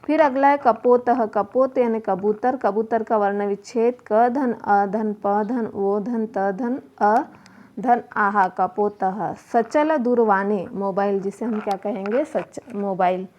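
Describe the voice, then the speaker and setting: A woman teacher going slowly through a children's worksheet, spelling words letter by letter and answering her own questions. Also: medium pitch. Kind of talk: slow worksheet lesson for children. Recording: muffled home video with faint noise.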